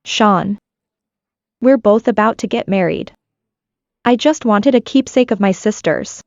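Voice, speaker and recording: A woman's voice: medium pitch, unhurried, no room sound, muffled recording, lightly acted. A woman dubbing a scheming, manipulative younger sister in a drama, falsely sweet and taunting. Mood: pleading. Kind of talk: English drama dub.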